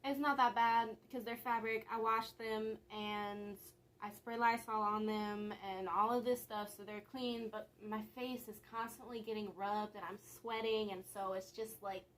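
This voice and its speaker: A woman's voice: a little high, steady tone, normal speed, a bit bright, a little hiss or hum. A young woman vlogger chatting casually and rambling a little, with laughs between thoughts. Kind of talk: casual vlog chat.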